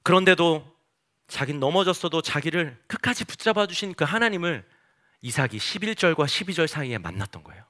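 A male pastor preaches in a high, bright voice. His pitch swings widely as he tells stories with animation. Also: a little fast. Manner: animated storytelling, acts out quotes. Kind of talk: sermon.

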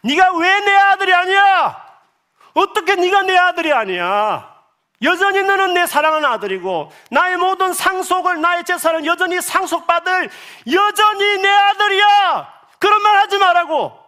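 An elderly father, as a preacher puts him on, cries out high and loud in emphatic repetition. His voice leaps well above the speaker's own and stays bright and forceful. He presses each line home with fond, insistent urging. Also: moderate pace. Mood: overjoyed. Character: elderly father overjoyed at his lost son's return.

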